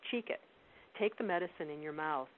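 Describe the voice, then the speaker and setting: A woman's voice: low voice, normal speed, lightly acted. A woman voicing an elderly male Welsh wizard in a storybook reading, knowing and confiding, over a tinny phone line with hiss.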